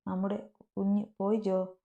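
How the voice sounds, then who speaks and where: A woman's voice: mid-range voice, completely flat delivery, unhurried, mellow, muffled recording, lightly acted. A woman voicing a heartbroken young wife who pleads in a broken voice. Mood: grief-stricken.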